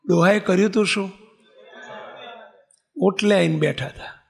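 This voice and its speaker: A man's voice: high voice, moderate pace, vocal fry. A man telling a sacred story in a devotional discourse, acting out the characters and putting questions to his listeners. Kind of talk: Gujarati devotional katha discourse.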